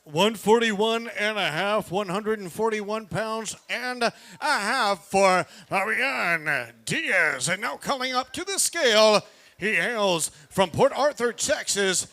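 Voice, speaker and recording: A man working as a ring announcer at a boxing weigh-in, in a showy delivery with drawn-out, shouted names. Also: high voice.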